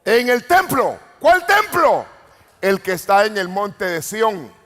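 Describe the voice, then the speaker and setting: A man's voice: expressive, a little slow. Fiery preacher man in an echoing hall. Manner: swings between low murmurs and sudden shouted exclamations, calls to the congregation. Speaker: apostle preaching. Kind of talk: Pentecostal sermon. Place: church retreat hall. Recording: long hall reverb.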